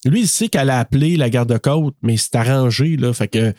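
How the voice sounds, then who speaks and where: A man's voice: medium pitch, fairly quick, no room sound, studio quality. A man with a Québécois accent, co-hosting a podcast and retelling a film in casual talk full of fillers. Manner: animated retelling with many fillers. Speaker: podcast co-host.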